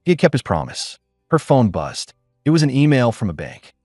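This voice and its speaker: A man's voice: medium pitch, sing-song, normal speed, a little mellow, no echo, clean studio sound, soft background music. A man narrating a dramatic story in a scripted, storytelling reading.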